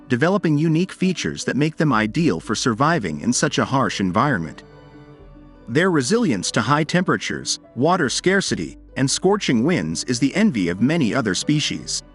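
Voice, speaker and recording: A man narrates in the style of a nature documentary. His mid-pitched voice moves with plenty of melodic variation while keeping a formal, explanatory delivery. Music plays faintly behind him. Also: big pitch swings, normal speed. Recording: background music under voice.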